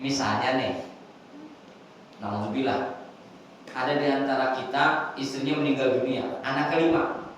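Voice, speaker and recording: A man giving a humorous, animated religious lecture to a congregation, acting out little scenes as he goes. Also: mid-range voice, unhurried, pauses often, a little hiss or hum. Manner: animated, jokey, acts out scenes. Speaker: preacher. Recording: echoey hall from far off with faint ambience.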